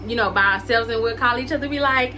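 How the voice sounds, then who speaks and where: A fast-talking woman in her late twenties with a fairly high voice vlogs a casual get-to-know-me chat to camera over background noise. She's chatty, full of "likes" and "ums," and calls her audience "y'all" and "guys."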